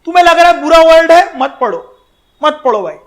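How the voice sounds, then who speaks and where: A man giving a history lecture in a colloquial storytelling style, animated and speaking straight to his listeners with slangy asides. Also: extremely high pitch, brisk. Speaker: history educator.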